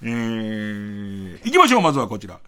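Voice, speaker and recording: A man's voice: on the low side, huge pitch swings, normal speed, sharp tone, smooth. A middle-aged man hosting a late-night radio show, rambling through a monologue and laughing between remarks, close on a studio mic.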